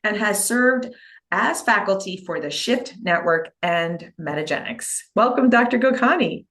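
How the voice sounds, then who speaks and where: A woman's voice: medium pitch, expressive, unhurried, fairly bright tone. A woman who grew up in New Jersey, hosting a podcast interview in a chatty way, full of fillers and restarts. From United States (New Jersey). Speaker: podcast host and physician.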